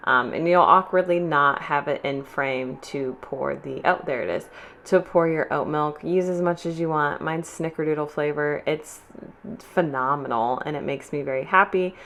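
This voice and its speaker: A woman's voice: deep voice, normal speed, fairly bright tone, slight background noise. A young woman chatting playfully and rambling through a coffee tutorial, joking about herself as she goes. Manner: playful, rambling and self-deprecating. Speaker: vlogger. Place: bedroom at a desk.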